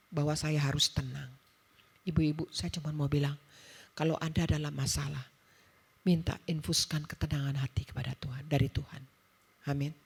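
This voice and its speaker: A woman's voice: deep voice, a little mellow, breathy edge. A middle-aged woman preaching a sermon at a church women's service, telling a personal story in a conversational way and acting out the dialogue. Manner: conversational storytelling, acts out dialogue, quick asides.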